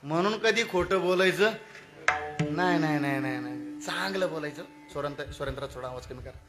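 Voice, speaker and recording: A man's voice: high voice, sharp tone. A man preaching a devotional kirtan, telling stories and asking the audience questions, repeating words for emphasis. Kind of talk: devotional sermon storytelling.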